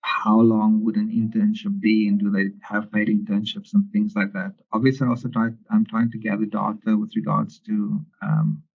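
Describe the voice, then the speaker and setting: A man's voice: fairly low pitch, level tone, moderate pace, gravelly, hardly any pauses, husky. A man, a lecturer answering interview questions in an explanatory way over a narrow-band connection. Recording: muffled, phone-like narrow band.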